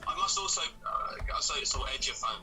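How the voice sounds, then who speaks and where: A man joining as a guest over a crackly, low-quality remote line, chatting casually and hesitantly with many fillers and repeated words. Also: animated, fast. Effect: crackly, low-quality remote call line. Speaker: guest commentator. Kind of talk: casual chat over gameplay. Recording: crackly distant call line with loud music behind.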